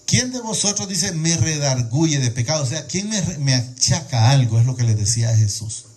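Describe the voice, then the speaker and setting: A male preacher with a fairly high voice delivers a sermon. He reads scripture aloud and breaks off to explain it, asking his listeners rhetorical questions. His speech is full of repeated words and restarts as he searches for the right phrase. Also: expressive, moderate pace, a little mellow.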